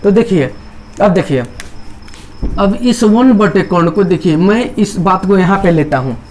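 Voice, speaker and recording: Man, maths teacher, high pitch, repetitive step-by-step explaining. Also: animated, a little slow, a little mellow. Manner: repetitive, explains step by step, voices students' doubts. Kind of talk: chalkboard maths lesson.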